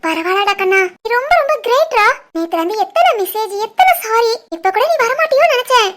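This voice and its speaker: Cartoon college girl, southern Tamil Nadu dialect, very high squeaky voice, playful and teasing, as a voice artist does her. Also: animated, brisk, heavy background noise. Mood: affectionate teasing. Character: cheerful teasing young woman, college student in love. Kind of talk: cartoon voice acting.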